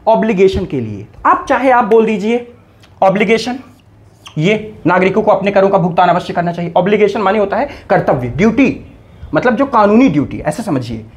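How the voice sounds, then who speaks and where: Animated male teacher with a lively voice. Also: sits high, a little fast. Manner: animated, with playful mock scolding of students. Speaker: English teacher. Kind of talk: explaining grammar in a video lesson.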